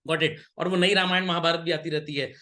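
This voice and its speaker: In an online business studies lecture, a middle-aged man speaks fairly quickly in a high, bright, sharp voice with a steady tone. He blends Hindi with English, teasingly scolds his students and repeatedly checks they're following.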